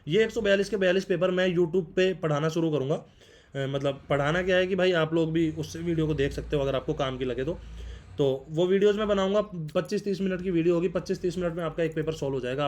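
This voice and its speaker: Young guy, kinda high voice, talks super fast, chatty big-brother tips, keeps repeating himself. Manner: brotherly, repeats points, says bhai often. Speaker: exam prep vlogger. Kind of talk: casual advice talk.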